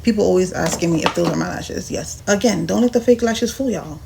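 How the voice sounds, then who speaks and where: Speaking fairly quickly in a mellow, low-side voice, a woman vlogger chats informally and addresses her audience in slang. She's partly inside a car, with car ambience and clear background noise in the recording.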